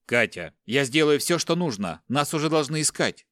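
A man's voice: fairly high pitch, sing-song, normal speed, fairly bright tone, no room sound, clean studio sound. A man voicing a tough middle-aged father held captive, firm and reassuring. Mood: soothing.

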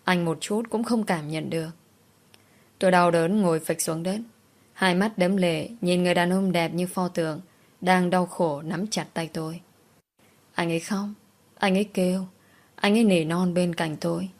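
A woman narrates a first-person audiobook story in a mournful, emotional voice. Her pitch sits on the lower side for a woman, and she carries the grief through every sentence. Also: fairly even intonation, moderate pace, darkish tone.

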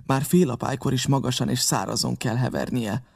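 A man's voice: mid-range voice, creaky, slightly rough. A man voicing an honest, earnest young cabin boy pleading with an elder, in an audiobook reading. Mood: firm.

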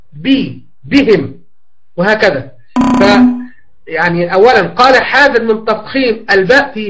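High-voiced man teaching Quran recitation. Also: fairly bright tone, rough recording. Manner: slow, drawn-out demonstration of letters and words; patient explaining with frequent pauses and fillers. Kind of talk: tajweed lesson explaining a classical poem.

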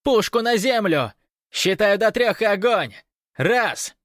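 A man voicing a gruff male checkpoint guard who barks and threatens through a loudspeaker. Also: a little high, animated, moderate pace, no room sound, clean studio sound, voice pushed up. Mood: yelling. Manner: shouting, rough, threatening.

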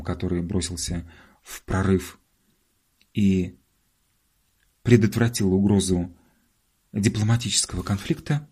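A man reading an audiobook as narrator, measured and ironic. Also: on the low side, a little mellow, husky. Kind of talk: scripted narration.

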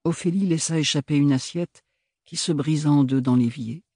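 A man reading a novel aloud in measured, steady narration. His voice sits a little above the male norm and carries a husky, slightly breathy grain. The recording is close and dry, with no room sound. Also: on the high side, dry recording. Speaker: audiobook reader. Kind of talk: scripted narration.

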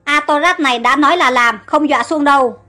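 A woman's voice: sits high, a little fast, bright, forceful tone. A woman voicing a fierce, hot-tempered young prince who speaks in angry threats, in a read-aloud story.

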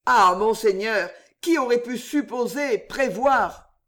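A man's voice: very high-pitched, slow, a bit bright, pitched above the performer's own voice, heavily acted. Man doing a nervous, agitated marquis governor. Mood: fearful. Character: suspicious, then fearful male fortress governor.

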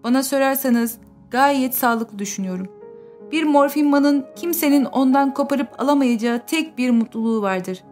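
A woman reading a first-person audiobook in a measured, subdued way. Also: high-pitched, a little mellow, soft background music. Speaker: audiobook narrator.

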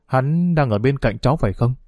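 An elderly grandfather asks anxious, urgent questions, as a man narrating the story puts him on. The voice is mellow and dry, close to the mic. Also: medium pitch, lively intonation, a little fast, dry recording, close to an everyday voice. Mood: worried.

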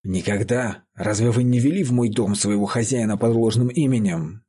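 A man voicing a grim, vengeful farmer who speaks calmly and accusingly. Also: fairly low pitch, normal speed, slightly rough. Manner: calm, accusing. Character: grim vengeful middle-aged male farmer, calm and sure.

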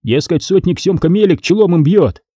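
A man's voice: high voice, lively intonation, moderate pace, mellow, husky, no room sound, clean studio sound, pitched above the performer's own voice. A man voicing a bold, bantering medieval cavalry captain.

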